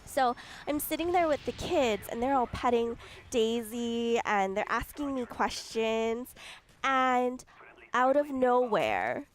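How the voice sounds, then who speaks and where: A woman's voice: fairly high pitch, very animated, slow, a little hiss or hum. A young woman telling a casual, chatty story over gameplay, giggling and filling her talk with likes and ums. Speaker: gaming video creator.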